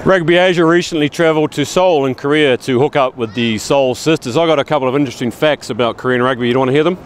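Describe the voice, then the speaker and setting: A man's voice: mid-range voice, quick pace, slight background noise. A man hosting a rugby show, presenting in a breezy, joking way. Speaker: show host. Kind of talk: casual presenting.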